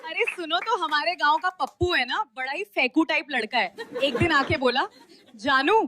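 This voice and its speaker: A woman's voice: high-pitched, normal speed, pushed and bright, dry recording. A woman telling a string of cheeky comic jokes, laughing through her punchlines. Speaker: joke teller.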